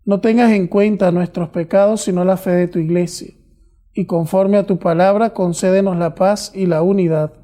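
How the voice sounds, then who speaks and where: High-voiced, soft-toned priest praying at Mass. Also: male voice, steady tone. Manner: solemn, measured, formal recitation. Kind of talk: liturgical prayer recited at Mass.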